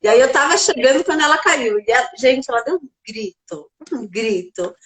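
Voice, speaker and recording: A mother chatting casually on a live video call, telling an animated story and acting out the dialogue. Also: high voice, normal speed. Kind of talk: casual live-stream chat.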